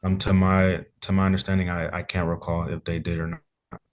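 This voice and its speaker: A man's voice: deep voice, little pitch movement, a little fast. A police officer testifying in court over a remote call, polite and hedging in his answers.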